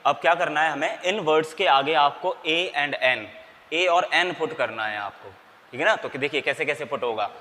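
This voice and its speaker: A man's voice: fairly high pitch, normal speed, sharp tone. A man teaching an English grammar lesson in Hindi, asking and answering his own questions and spelling out letters. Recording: long reverb, faint background noise.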